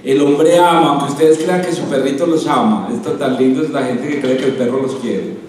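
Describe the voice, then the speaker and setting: A man giving a playful, animated sermon to a youth congress in a large hall. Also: mid-range voice, a little fast, a little hiss or hum. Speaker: speaker. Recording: echoey hall from far off.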